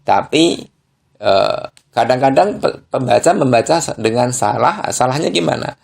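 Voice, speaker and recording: A man teaching Quran recitation rules, slow and patient, tagging each point with a short "ya" and sounding the examples out aloud. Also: mid-range voice, lively intonation, vocal fry, darkish tone. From Indonesia. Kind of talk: tajwid lesson.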